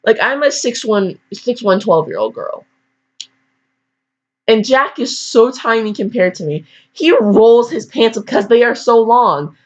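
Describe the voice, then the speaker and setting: A teenage girl reads fan fiction aloud in a casual way, wandering off into goofy, self-deprecating asides. Her voice sits a little high, sounds animated, and runs a little slow, captured on a dull lo-fi microphone.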